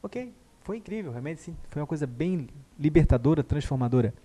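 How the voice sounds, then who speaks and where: A man, a guest therapist telling a story in a lively way and acting out the dialogue. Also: fairly high pitch, brisk. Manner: animated, acts out dialogue. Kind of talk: conversational storytelling.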